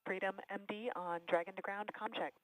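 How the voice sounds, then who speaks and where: A woman's voice: medium pitch, steady tone, fairly quick, a bit bright, no room sound. Woman on dry astronaut radio channel. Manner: formal radio protocol. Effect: radio, telephone-like. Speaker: mission director doing com checks. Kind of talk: astronaut radio procedural call-outs.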